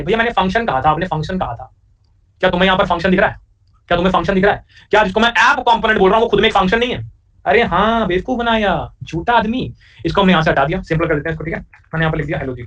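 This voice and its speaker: Male coding teacher: very fast, fairly high, keeps asking the class questions, joking asides; distant, dull lo-fi mic. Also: a bit bright. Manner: rapid, repeats questions back to students, joking asides. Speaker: programming teacher. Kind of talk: live coding lecture.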